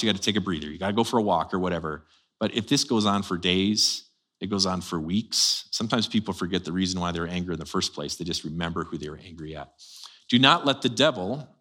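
A man with a low voice preaching a relaxed, chatty sermon from the pulpit. He keeps asking the congregation questions and leans into key phrases with sudden lifts in pitch and volume. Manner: casual, asks the congregation many rhetorical questions; animated, jumps up in pitch and volume for emphasis. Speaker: pastor. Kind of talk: conversational sermon.

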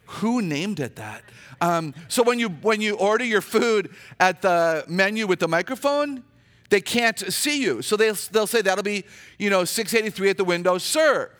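A middle-aged woman, naturally low-voiced, gives a church sermon as a guest speaker at normal speed with lively intonation. She mixes humor and earnestness with chatty personal anecdotes.

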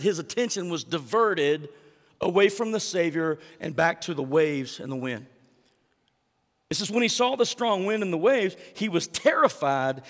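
A man's voice: high-pitched, a bit bright, long reverb tail. A male pastor preaching a sermon, reading scripture aloud with dramatic emphasis and asking the congregation for responses.

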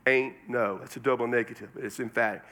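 A pastor from Texas with a Texan accent, preaching a sermon in a folksy, conversational way with plenty of colloquial phrasing. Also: male voice, medium pitch, fairly even intonation, fairly quick, bright, forceful tone.

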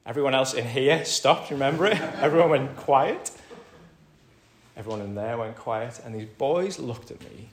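A man's voice: medium pitch, moderate pace. Roomy British male preacher. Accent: British English. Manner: conversational preaching, calls the congregation "folks"; swings between loud emphatic lines and soft quiet ones. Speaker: pastor. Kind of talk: sermon. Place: church hall. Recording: roomy church hall with faint ambience.

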